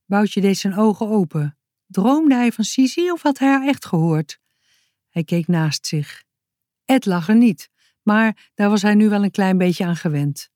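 A woman's voice: medium pitch, mellow, dry recording. Woman reading a children's story, dry sound. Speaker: narrator.

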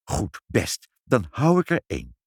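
A man voicing a calm, kindly father in a children's audiobook, speaking in a persuasive way. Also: medium pitch, unhurried, creaky, breathy edge, dry recording, clean studio sound, voice pushed up, heavily acted.

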